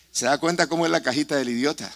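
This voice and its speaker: A man's voice: a little high, fairly bright tone. A male pastor preaching a sermon in a church sanctuary, impassioned and putting questions straight to the congregation.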